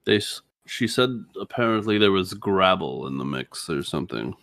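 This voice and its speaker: A man's voice: deep voice, animated, normal speed, vocal fry, a bit bright, no room sound. A man playing a tabletop role-playing game who speaks in character and laughs often.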